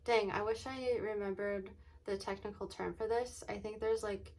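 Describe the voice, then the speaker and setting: A woman chatting casually in a vlog, often saying "like" and "um" and pausing to think aloud. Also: medium pitch, steady tone, darkish tone. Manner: says "like" and "um" very often as filler; halting, thinking aloud, trailing off mid-sentence. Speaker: vlogger.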